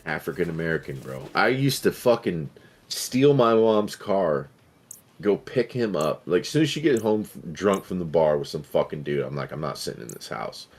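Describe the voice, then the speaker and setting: A man's voice: sits low, big pitch swings, normal speed, breathy edge. A man in his forties telling long, profane stories in casual chat while he streams a game. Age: 40s. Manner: profane, rambling storyteller who acts out voices.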